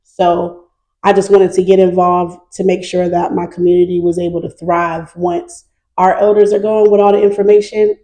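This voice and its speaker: A middle-aged woman from North Carolina, chatting lively and easily as an interview guest. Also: lowish voice, normal speed, poor audio. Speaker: guest, nonprofit founder. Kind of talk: casual interview chat.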